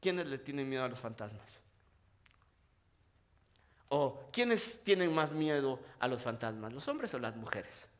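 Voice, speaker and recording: A man's voice: mid-range voice, big pitch swings, a little slow, pauses often, fairly bright tone. A man preaching a sermon as pastor, calling out "my brother" and "amen" as he builds and drops his voice. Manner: preaching with repeated "mi hermano" and "amén", voice rising and falling widely.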